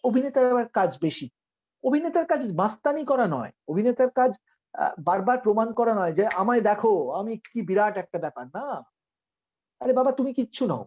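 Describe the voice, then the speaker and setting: A man's voice: very high-pitched, a little mellow, lo-fi sound. A middle-aged man teaching a theatre workshop, explaining acting in an earnest, emphatic way and slipping into English phrases.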